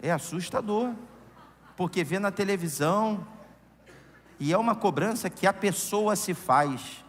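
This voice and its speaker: A man's voice: high-pitched, lively intonation, unhurried, pauses often. A middle-aged Brazilian man preaching a sermon in church, conversational and humorous, telling anecdotes into a microphone. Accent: Brazilian Portuguese. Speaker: pastor. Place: church sanctuary. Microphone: handheld or stand microphone. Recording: long church hall reverb.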